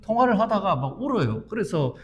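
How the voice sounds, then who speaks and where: A man's voice: high-pitched, big pitch swings, brisk. A pastor in his fifties preaching a sermon in an earnest, storytelling way that rises to fervent emphasis. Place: church sanctuary.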